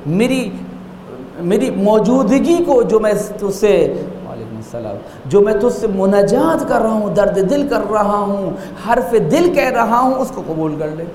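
A man preaching a sermon, driving points home with rhetorical questions and dropping from raised, emphatic lines to hushed ones. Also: high voice. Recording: echoey hall with faint background noise.

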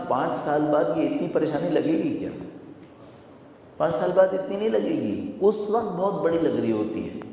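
A man's voice: on the high side, gravelly, warm tone, slight background noise. A man giving a sermon in a conversational, storytelling way, repeating phrases for emphasis. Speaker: religious preacher. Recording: echoey hall with long reverb.

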